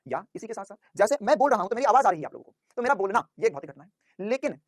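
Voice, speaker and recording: A man's voice: high voice, sing-song, rapid-fire, dry recording, clean studio sound. A man teaching a physics class, who asks questions and answers them himself and calls his students "बेटा".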